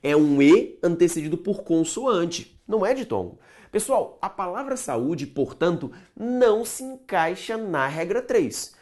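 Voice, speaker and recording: A Brazilian man teaching grammar online, his pitch swinging widely up and down as he explains. He speaks straight to his viewers, checks often that they follow, and drags out key words slowly to make them stick. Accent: Brazilian Portuguese. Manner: animated, stretches key words slowly for emphasis; addresses viewers directly, checks understanding often.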